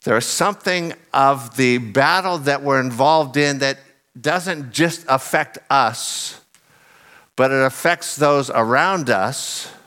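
Slowly and earnestly, a middle-aged man delivers a sermon, pressing hard on key phrases. Loud singing has left his voice a bit husky and lowered.

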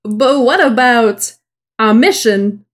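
A host reading a gamebook aloud voices the young child hero of the story in a high, loud voice. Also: slow. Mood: earnest. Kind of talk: playful read-aloud role-play.

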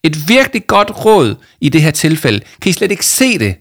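A man reading aloud voices Jama, a hot-tempered schoolgirl who stammers and shouts. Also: sits high, animated, creaky, dry recording, studio quality, pitched above the performer's own voice, heavily acted. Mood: furious.

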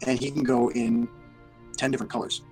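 A man co-hosting a casual podcast, self-deprecating and halting, often laughing and restarting his sentences. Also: medium pitch, little pitch movement, a little mellow, faint music behind, poor audio. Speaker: podcast co-host.

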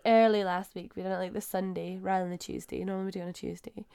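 A Scottish woman chats informally as a podcast co-host. Her voice is very clean and smooth, sitting at a medium pitch for a woman. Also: flat delivery, racing, warm tone. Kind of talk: casual chat.

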